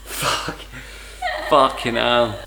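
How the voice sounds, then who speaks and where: A man's voice: medium pitch, fairly even intonation, very slow, gravelly, roomy sound, background noise. A man co-hosting a podcast, swearing freely and ranting in a jokey, crude banter style. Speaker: podcast co-host.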